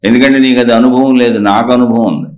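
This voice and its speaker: A man's voice: mid-range voice, fairly even intonation, racing. A man delivers a spiritual discourse in a mid-range voice. He poses rhetorical questions, answers them himself, and sometimes speaks a listener's complaint in their place. The recording carries the echo of the room. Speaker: spiritual teacher.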